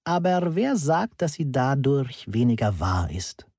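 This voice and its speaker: A calm, pedantic math teacher who weighs every word and lectures slowly, as a male audiobook reader puts him on. His voice is dark and slightly husky, recorded close and dry with no room sound. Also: fairly high pitch, no room sound, voice pushed up. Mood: lecturing. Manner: slow, deliberate, lecturing. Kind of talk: audiobook character reading.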